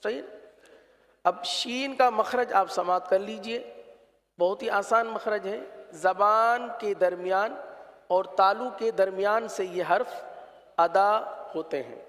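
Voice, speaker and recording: A man teaching the pronunciation of letters for Quran recitation, slow and patient, drawing out each sound to demonstrate it. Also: high-pitched, a bit bright, in a large hall.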